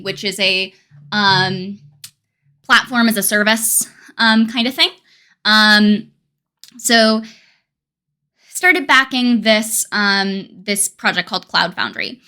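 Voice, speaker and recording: Bright-voiced young woman streamer. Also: medium pitch. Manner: rambling, laughing, dry self-mocking humor. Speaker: live streamer. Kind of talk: casual live-stream chat.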